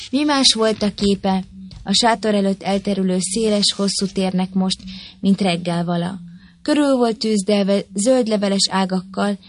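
Woman narrating a historical tale. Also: medium pitch. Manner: steady, even storytelling. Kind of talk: audiobook reading of a historical tale.

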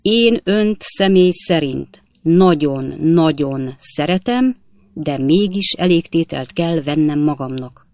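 A man voicing a fat aging gentleman who answers insults with wounded, dignified retorts. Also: on the high side, very animated, gravelly, no room sound, full character voice. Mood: hurt, yielding.

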